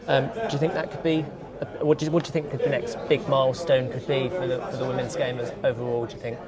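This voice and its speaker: Male interviewer over a loud crowd. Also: mid-range voice, flat delivery, fast talker. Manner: brief questions with "uh" and "um" fillers. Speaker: podcast interviewer. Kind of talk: event interview. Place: busy media event.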